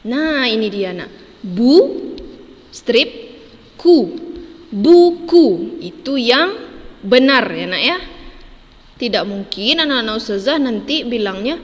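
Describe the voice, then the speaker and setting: A woman's voice: on the high side, expressive, moderate pace, fairly bright tone, long reverb tail. A woman teaching a children's lesson, patiently spelling words out syllable by syllable and tagging "ya, Nak" onto every phrase. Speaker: primary school teacher.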